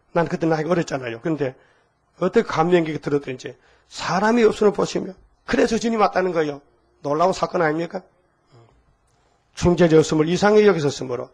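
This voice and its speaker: An older man in his sixties preaching a sermon with a husky voice, emphatic and full of rhetorical questions to the congregation. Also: a little high, darkish tone. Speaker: pastor.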